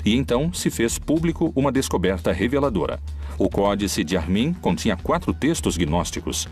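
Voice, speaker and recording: A man with a Brazilian Portuguese accent giving scripted documentary narration in a measured, solemn way. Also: fairly low pitch, very animated, a little mellow. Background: faint music.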